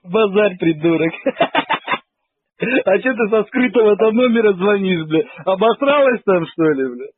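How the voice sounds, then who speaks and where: Brief: high-voiced man, husky, crude and mocking, on a tinny phone line. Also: expressive, unhurried, no echo. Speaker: debtor taking collection calls. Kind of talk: phone argument.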